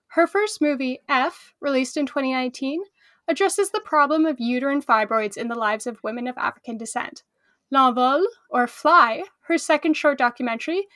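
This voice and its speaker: Woman host, high pitch, measured scripted delivery, dry sound. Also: pushed and bright, no room sound. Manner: clear, measured reading. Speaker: podcast host. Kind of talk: scripted introduction and interview.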